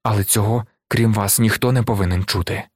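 Calm, humble man pleading in a low, hushed voice, as a male reader puts him on; dry studio read. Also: fairly quick, breathy edge, no echo. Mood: pleading quietly. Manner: low, quiet, earnest. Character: calm, humble middle-aged man under arrest. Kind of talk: audiobook reading.

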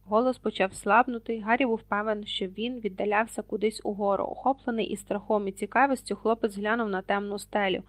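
A woman reading a children's novel aloud, expressive and steady, at a middle pitch. Her voice is recorded dry and close, with no room sound. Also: a little fast, hardly any pauses, dry recording. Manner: expressive, reads page numbers aloud. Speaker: audiobook reader. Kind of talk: scripted narration.

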